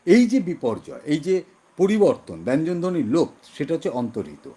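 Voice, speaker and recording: A man teaching an exam-prep class in a West Bengal Bengali accent. His voice is a little husky and sits fairly high, with lively rises and falls as he explains. He keeps repeating example words to demonstrate their pronunciation. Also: a little fast. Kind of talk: online exam-prep lesson.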